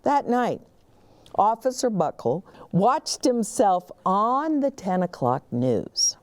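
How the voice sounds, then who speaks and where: Animated, unhurried woman reading a storybook. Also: mid-range voice. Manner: animated, dramatic pauses and emphasis. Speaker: children's storytime reader and host. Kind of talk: expressive picture book read-aloud narration.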